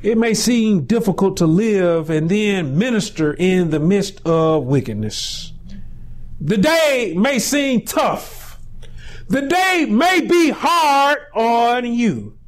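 A pastor in his forties preaches a sermon on a lapel mic in a small indoor room. His high, sing-song voice stretches out slow phrases, then builds to shouted peaks.

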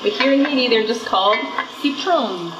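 This young woman runs a casual cooking demo in her home kitchen, chatting and explaining every step. Her voice sits on the high side with lively intonation at a normal speed. The recording has a roomy kitchen sound with faint music behind her.

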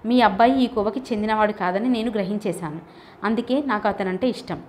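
Woman voicing a sharp-tongued young woman. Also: mid-range voice, fairly quick, slight background noise, close to an everyday voice. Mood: earnest. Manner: pointed, teasing. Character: sharp-witted young woman, cool and cutting.

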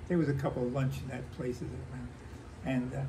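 An American man in his nineties, an old veteran remembering the past in halting, conversational stories, repeating himself and acting out remembered dialogue. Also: medium pitch, fairly even intonation. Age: 90s. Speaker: war veteran interviewee. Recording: noisy handheld home recording.

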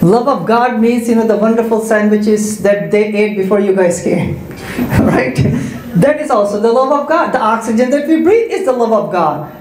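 This man speaks high-pitched and expressive at a moderate pace, his tone darkish, with slight background noise. A native Hindi and Urdu speaker, he's an Islamic speaker answering students' questions in a large indoor hall on a handheld mic, listing points and adding "right?" checks amid the hall's echo.

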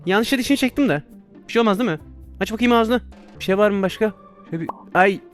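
A man's voice: sits high, quick pace, loud music behind the voice. A man playing a virtual reality doctor game, commenting casually and exclaiming and laughing at his own mistakes. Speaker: VR gameplay streamer.

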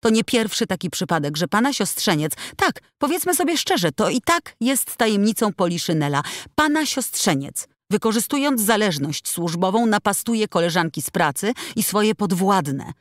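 A woman's voice: mid-range voice, lively intonation, normal speed, no room sound, studio quality, pitched above the performer's own voice, close to an everyday voice. A woman reading an audiobook, voicing an indignant, outspoken working woman who speaks in a heated, accusing, insistent way. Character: indignant middle-aged woman worker, outspoken. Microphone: close studio mic.

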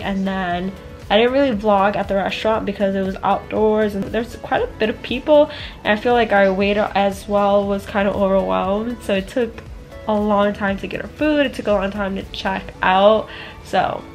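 A young woman chatting upbeat to her viewers in a casual travel vlog, filming herself with a handheld camera. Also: medium pitch. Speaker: vlogger. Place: hotel room and beach.

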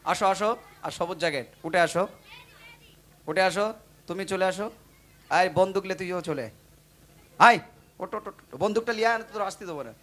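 A man's voice: high voice, brisk, long pauses. A man, teasing and joking with village children outdoors, calling them up one by one. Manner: teasing, joking, loud calls to the kids. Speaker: gojol singer talking to village children. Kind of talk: lively outdoor banter with children.

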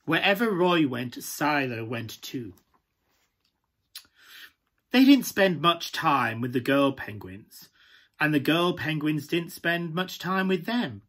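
Man as a husky, camp British pantomime dame. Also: on the high side, animated, takes it slowly, a bit bright, full character voice. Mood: tender, storytelling. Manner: camp, coaxing, asking the listeners questions. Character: glamorous pantomime dame storyteller, warm and camp. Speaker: storyteller, host of a children's story time. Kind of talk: animated children's storytelling. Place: small room at home, indoors.

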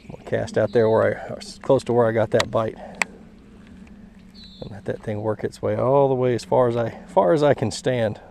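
A young man hosting a fishing vlog, explaining his technique in a relaxed way while casting from a pond bank, recorded on a head-mounted camera outdoors. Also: mid-range voice, normal speed, creaky. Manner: relaxed, explaining as he fishes, chuckling. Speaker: fishing channel host. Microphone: head-mounted action camera. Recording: outdoor camera mic with faint background noise.

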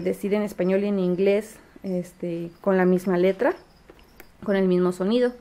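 A woman showing how she teaches her son to read at home, sounding out letters slowly and patiently with frequent fillers. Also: medium pitch, background noise. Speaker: homeschooling mother. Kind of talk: casual home teaching demonstration. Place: home, at a table.

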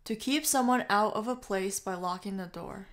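A woman with an American accent, an English teacher reading words, definitions and sentences slowly and clearly, saying each phrase twice. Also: mid-range voice, a bit bright. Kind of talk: slow, careful model reading of words and sentences.

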